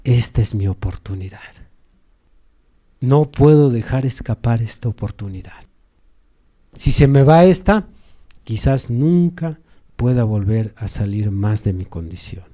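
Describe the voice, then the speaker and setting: A man's voice: mid-range voice, animated, unhurried, long pauses, mellow, close to an everyday voice. A man voicing a remorseful blind beggar who pleads and asks searching questions. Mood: urgent.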